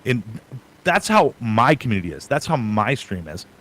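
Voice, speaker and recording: A man's voice: medium pitch, very animated, moderate pace, rough recording. Chatty man giving streaming advice. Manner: thinks out loud, talks in long run-on advice. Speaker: guest streamer. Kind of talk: casual panel chat.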